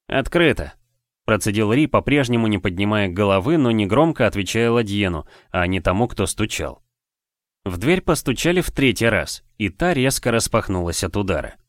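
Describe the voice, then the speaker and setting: A man narrating an audiobook with expressive storytelling. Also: fairly low pitch, no room sound, studio quality. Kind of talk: audiobook reading.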